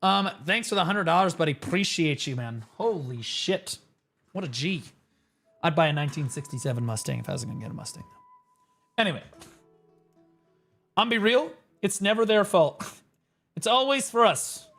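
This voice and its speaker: A man's voice: high-pitched, lively intonation, normal speed, creaky, long pauses, fairly bright tone, soft background music. A man on a livestream headset mic, ranting sarcastically and swearing through casual game commentary. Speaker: livestream gamer.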